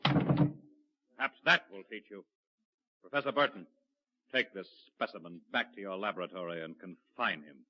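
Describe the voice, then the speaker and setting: A man's voice: low-pitched, animated, normal speed, pauses often. An actor playing a harsh male authority figure who gives curt orders in a vintage radio drama. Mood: stern. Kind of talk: 1950s radio drama acting. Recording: muffled old radio, faint noise.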